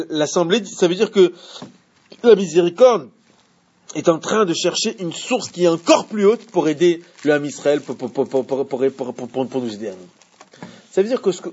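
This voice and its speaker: Man teaching a Torah class, husky voice, questions the students, lo-fi recording. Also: fairly high pitch. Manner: animated, asks the class questions.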